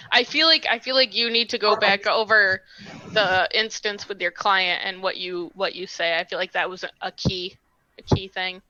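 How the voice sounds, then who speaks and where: Podcast co-host, woman, bright chatty voice, dry muffled sound. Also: mid-range voice, dry recording. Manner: chatty, quick interjections. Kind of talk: casual chat.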